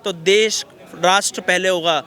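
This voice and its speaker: High-pitched, bright, forceful man ranting. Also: steady tone, unhurried, clear, resonant tone. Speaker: interviewee on street. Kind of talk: heated street vox pop.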